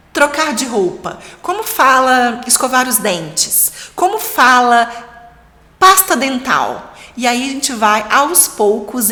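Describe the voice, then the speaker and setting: Upbeat Brazilian woman teaching in reverb. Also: fairly high pitch. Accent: Brazilian Portuguese. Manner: lively, encouraging, coaxing. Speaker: English teacher for parents. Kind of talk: live-streamed lesson. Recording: long reverb.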